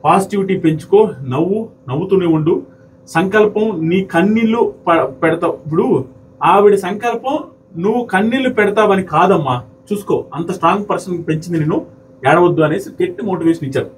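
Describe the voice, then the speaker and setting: A man's voice: high voice, fairly quick, recorded from a distance, slight background noise, low-quality recording. A man giving heated, argumentative commentary on a reality show episode and acting out the people he quotes. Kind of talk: fast opinionated commentary to viewers.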